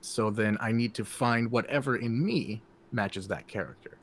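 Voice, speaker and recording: A man's voice: medium pitch, normal speed. A man, a voice actor, talking animatedly on a podcast and slipping in and out of character voices. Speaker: voice actor guest. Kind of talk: casual podcast chat.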